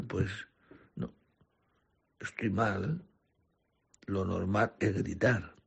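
A man's voice: on the low side, vocal fry, slightly rough. A man, a priest, reading the gospel and preaching earnestly, with some self-corrections.

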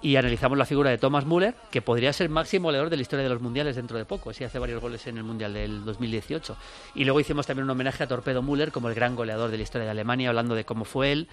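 A man acting as football pundit on a radio sports show, rattling off names, scores and opinions in casual chat. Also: medium pitch. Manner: fast, rattles off names and results.

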